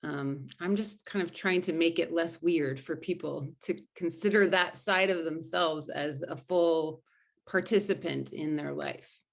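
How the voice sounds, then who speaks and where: A woman with a low voice and a gravelly edge talks earnestly as a spiritual coach being interviewed. She is thoughtful and often circles back to rephrase her words. Her delivery is steady and reflective. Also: unhurried. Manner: earnest, thoughtful, with frequent restarts. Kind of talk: conversational interview answers.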